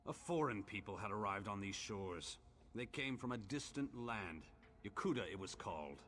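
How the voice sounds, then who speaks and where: A man's voice: lowish voice, lively intonation, normal speed, fairly bright tone. An actor playing an ancient imprisoned orc in a fantasy game, bitter and lovelorn, telling his tale in solemn, archaic, theatrical speech. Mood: grave. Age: old. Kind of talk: dramatic fantasy game dialogue.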